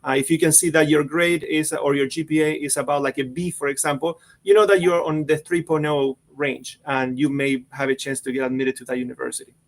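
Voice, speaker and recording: A man's voice: on the high side, steady tone, brisk, hardly any pauses. A man on staff at a university, explaining things casually in an online info session, with a lot of "you know" and "like".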